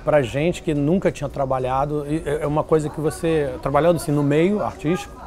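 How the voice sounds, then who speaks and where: A man telling stories in an interview, lively and acting out what others said. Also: fairly high pitch, fairly quick, soft background music. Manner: animated, acts out quoted voices. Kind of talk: casual storytelling interview.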